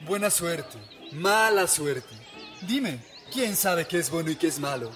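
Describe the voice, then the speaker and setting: A man voicing a calm, wise farmwoman speaking in a serene, measured tone, over background music. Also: high voice, exaggerated voice. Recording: clear music underneath.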